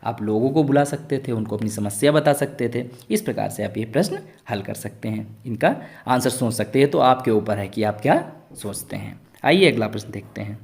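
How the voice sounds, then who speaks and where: A man's voice: mid-range voice, animated, normal speed, vocal fry, a little mellow. A man tutoring young pupils, reading out textbook questions and then explaining the answers step by step. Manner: asks the pupils questions and answers them himself. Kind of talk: step-by-step school lesson.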